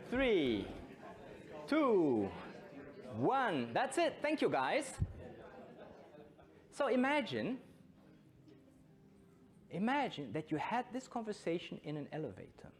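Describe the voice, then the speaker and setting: Here the Scrum trainer speaks slowly in a high voice whose pitch swoops wildly, pausing often. Middle-aged and German-accented, he was born in Belgium, studied in Germany, and lived long in Brazil, and he keeps his informal conference talk conversational by questioning listeners.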